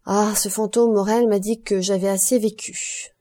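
A woman voicing a grave, fatalistic nobleman count who speaks calmly and with resignation, in an audiobook. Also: medium pitch, natural voice. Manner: calm, measured, resigned.

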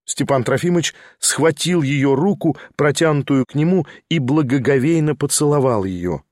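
A man's voice: a little high, normal speed, a little mellow, no room sound. Man narrating a classic novel, dry sound. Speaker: audiobook narrator. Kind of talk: scripted literary narration.

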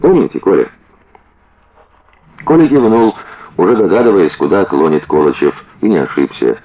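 A male narrator reads a story in a very deep voice that moves expressively. His delivery keeps an even storytelling flow, and the recording sounds somewhat dull and muffled. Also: a little fast. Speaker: audiobook narrator. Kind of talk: scripted audiobook narration.

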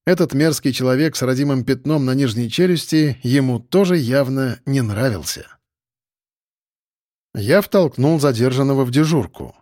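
A male audiobook narrator telling a first-person story. His read is steady and measured, at a middling pitch. The recording is dry and close, with no room sound. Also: no room sound.

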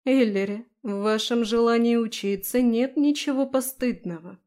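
A woman voicing a calm, stern female stewardess who speaks in a measured, weary way. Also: a little high, lightly acted. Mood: firm.

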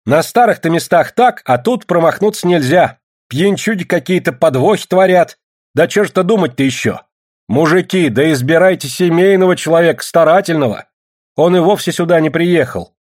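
A fierce, outspoken woman from a gold-mining camp, shouting and scolding in a raised, husky voice, as a male narrator acts her out. Her pitch swings widely, and she is loud and forceful. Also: lively intonation, normal speed. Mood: pleading. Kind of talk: audiobook character voice.

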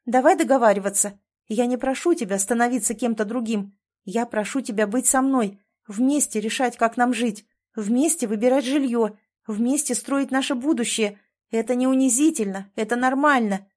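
A woman's voice: fairly high pitch, moderate pace, a little mellow, lightly acted. A woman reading an audiobook and voicing a strong-willed woman who argues insistently, with a steely edge in her voice. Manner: insistent, pleading and emphatic. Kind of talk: audiobook character voice.

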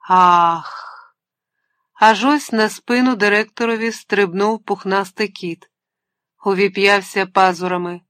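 A woman narrating a novel in an expressive reading style, lifting her voice for the characters' lines. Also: no echo, clean studio sound. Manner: expressive reading, voices the dialogue with raised pitch. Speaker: audiobook narrator. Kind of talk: scripted narration.

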